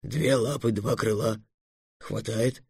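A big, shy dragon grumbles slowly in a low, mumbling voice, put on by a man narrating a storybook. The recording is dry and close. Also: steady tone, gravelly, a little mellow, slightly rough, no echo, exaggerated voice. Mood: grumbling. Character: gruff bashful male dragon, slow and low.

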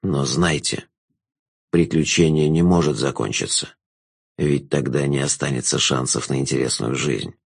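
A man voicing a smug, mocking male jester in a slow, low, drawn-out way, in an audiobook. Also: creaky, breathy edge, exaggerated voice. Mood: menacing. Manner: smug, taunting. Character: sly theatrical male jester, mocking, menacing. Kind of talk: audiobook character voice.

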